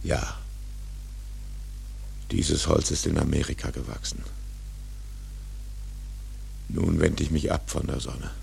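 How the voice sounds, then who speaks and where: A male actor playing a proud, doomed old whaling captain in a German radio play, declaiming solemnly in a gravelly, husky voice. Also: rumbling low, steady tone, slow pace, pauses often, a little mellow, soft background music, heavily acted. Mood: grieving, solemn.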